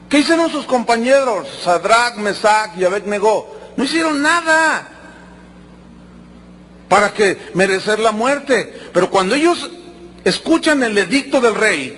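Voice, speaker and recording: A man's voice: very high-pitched, a little hiss or hum. A man preaching a sermon, acting out quotes and joking with the congregation. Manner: animated, acts out quotes and jokes with the congregation.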